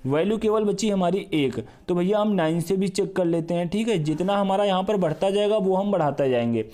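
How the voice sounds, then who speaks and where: A man's voice: high-pitched, brisk, mellow. Man teaching math step by step. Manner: repetitive, step-by-step explaining, addresses viewers as brother. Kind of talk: exam-prep math lesson.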